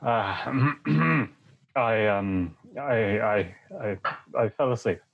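A man's voice: on the low side, lively intonation, extremely slow, creaky, highs cut off, full character voice. A man playing a shell-shocked war veteran in a tabletop game, hollow and war-weary, stammering anxiously and evasively. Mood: shaken, evasive.

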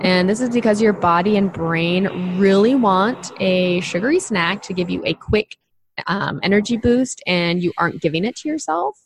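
A woman's voice: mid-range voice, expressive, moderate pace, a little hiss or hum. A woman co-hosting a casual podcast as a nutrition coach, chatty and encouraging, full of "like" and "you know". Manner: encouraging, speaks directly to listeners.

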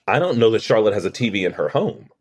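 A man with a lowish voice speaks fast in a sing-song way while co-hosting a podcast. In this chatty, analytical recap of a TV episode, he keeps restarting his sentences and quotes plenty of dialogue.

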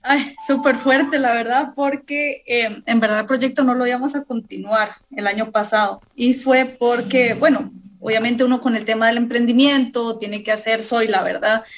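A woman's voice: a little high, fairly even intonation, moderate pace. A young woman, a guest entrepreneur on a radio interview, telling her story animatedly and tagging her sentences with "¿verdad?". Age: young adult.

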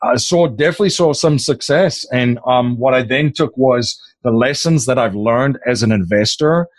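A middle-aged South African man who speaks Afrikaans, a podcast host appearing as an interview guest, talks casually and rambles with many fillers and restarts. His voice is mid-range, his pace moderate, and the recording dry.

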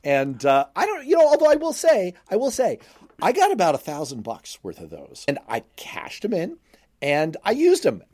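A man's voice: high voice, huge pitch swings, moderate pace, a little mellow. A man co-hosting a podcast in casual chat, wry and jokey as he poses questions. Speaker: podcast co-host asking questions.

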